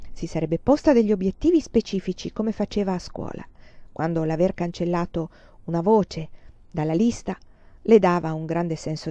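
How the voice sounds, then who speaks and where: Woman storyteller, calm even reading, mellow voice, dull muffled recording. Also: fairly low pitch, dry recording. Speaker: reader. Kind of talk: reading a novel aloud.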